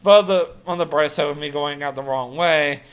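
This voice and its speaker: A man's voice: on the high side, normal speed, fairly bright tone, clean tone. A man in his late twenties rambling through a casual personal vlog update, full of fillers and self-corrections. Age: 20s. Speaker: vlogger.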